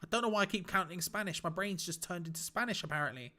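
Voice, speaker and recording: A man streaming a live watch-along, giving casual, excitable play-by-play on a wrestling match and bursting out at big moves. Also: high voice, quick pace. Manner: casual, blunt, swears lightly. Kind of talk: live play-by-play reaction commentary.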